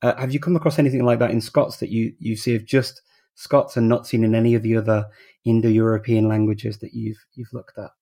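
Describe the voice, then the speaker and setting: Gravelly mellow male interviewer. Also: on the low side, fairly quick. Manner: calm, inquisitive. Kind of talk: interview questions.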